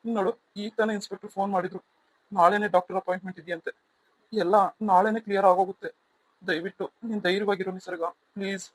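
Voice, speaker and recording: A man voicing a gentle, loving young husband in a cartoon serial, soft and soothing. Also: sits high, fairly even intonation, fast talker, no echo. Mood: tender. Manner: tender, soothing.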